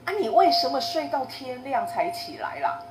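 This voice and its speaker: Brief: woman doing a sharp-tongued mistress of the house, loud and scolding, in a roomy room. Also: sits high, sing-song, normal speed, loud music behind the voice, pitched above the performer's own voice. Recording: roomy echo, faint noise.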